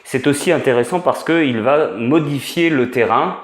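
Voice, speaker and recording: A man's voice: medium pitch, normal speed, echoey room. A man giving an informal spoken lesson as an instructor, hesitant, with many fillers and restarts. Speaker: essential oils instructor.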